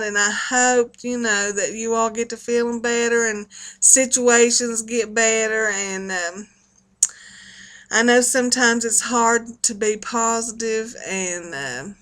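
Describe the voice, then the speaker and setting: A woman's voice: on the high side, bright, forceful tone. A middle-aged woman with a folksy Appalachian accent, chatting casually and rambling along to her online viewers. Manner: folksy, chatty, laughs often. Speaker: video blogger.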